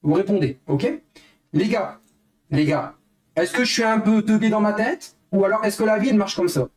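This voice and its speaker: A man's voice: sits high, moderate pace. A young man livestreaming, ranting heatedly at his chat and repeating himself. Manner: heated, repetitive, addresses chat as guys. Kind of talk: angry live stream rant to chat.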